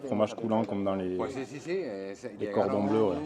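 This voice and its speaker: A man's voice: lowish voice, flat delivery, normal speed, a loud crowd. A man talking casually to camera in a travel vlog, upbeat and thinking aloud as he walks around town and eats on a terrace. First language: French. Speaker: vlogger. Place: outdoors in a small town, street and terrace.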